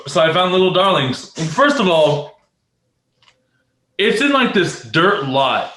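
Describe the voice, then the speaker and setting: A man's voice: high-pitched, very animated, takes it slowly, pushed and bright, echoey room, a little hiss or hum. A man co-hosting a podcast, telling a long story in casual chat, full of fillers and restarts. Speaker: podcast co-host.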